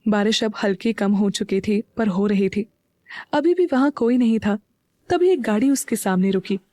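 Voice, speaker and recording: A woman narrating an audio story in a slow, even storytelling manner. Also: mid-range voice, no room sound, studio quality. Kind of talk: scripted narration.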